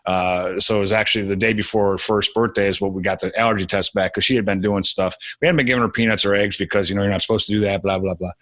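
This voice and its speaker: A man's voice: lowish voice, fairly even intonation, fast, few pauses, fairly bright tone, no echo. A young adult man, a podcast guest, telling a personal story in casual conversation with many restarts.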